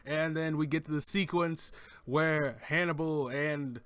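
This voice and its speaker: Bright-voiced enthusiastic male reviewer. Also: fairly high pitch, steady tone, unhurried, clear, resonant tone. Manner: enthusiastic, rambling, with frequent restarts. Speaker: TV show reviewer. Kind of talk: casual spoken episode review.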